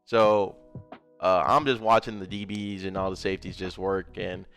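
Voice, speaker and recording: A young man from Memphis, Tennessee, a gaming content creator with a Southern accent, casually rambles through his life story while drawing, tossing in little sound effects. His voice sits low and steady at a normal speed, creaky yet a bit bright, with a clean tone. Soft music plays in the background.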